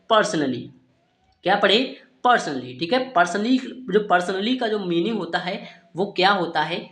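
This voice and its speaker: A man's voice: sits high, a bit bright. Roomy-sounding man teaching English spelling. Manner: repeats "ठीक है" and asks-then-answers questions; spells words letter by letter slowly. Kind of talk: phonics lesson for Hindi speakers. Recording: roomy echo.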